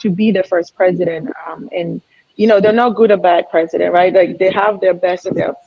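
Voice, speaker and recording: Woman, husky gravelly voice, earnest panelist, dull video call sound. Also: fairly low pitch, fairly even intonation, fairly quick, no echo. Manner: earnest, admiring, with many fillers. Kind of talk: virtual panel discussion.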